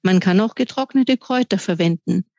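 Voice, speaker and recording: A woman's voice: mid-range voice, fairly quick, mellow, no echo, close to an everyday voice. A woman voicing a proud, confident boy in a storybook. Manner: confident, decisive. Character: a proud know-it-all boy. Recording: dry, slightly dull recording.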